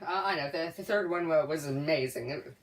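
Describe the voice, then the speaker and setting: Hesitant lower-voiced woman. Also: fairly quick, roomy sound, far from the mic, a little hiss or hum. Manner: hesitant, full of uhs and restarts, laughs easily. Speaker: co-host. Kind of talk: casual storytelling game chat.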